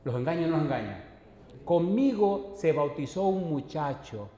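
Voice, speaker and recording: Older pastor preaching in a hall. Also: male voice, fairly high pitch, big pitch swings, moderate pace, mellow. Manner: emphatic, repeats questions to the congregation. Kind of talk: sermon. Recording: echoey hall, faint ambience.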